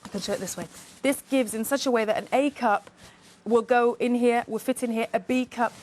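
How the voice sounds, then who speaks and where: A woman pitches shapewear on a shopping channel in a fairly high voice. She is effusive and chatty, calling the viewers darling and girls. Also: steady tone, a little fast, darkish tone. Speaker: shapewear brand representative.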